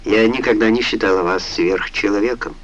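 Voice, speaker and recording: A man's voice: on the low side, brisk, a bit bright, dull audio, a little hiss or hum, close to an everyday voice. Caring young heroine with a worried plea, lightly voiced by a male audiobook reader. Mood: gentle. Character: anxious caring young woman.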